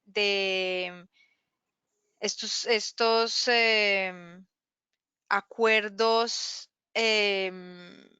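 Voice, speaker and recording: A woman's voice: mid-range voice, steady tone, drawn-out words, long pauses, sharp tone, clear, resonant tone, dry recording, lo-fi sound. A woman speaking in an online workshop, explaining and answering questions with many hesitations and restarts.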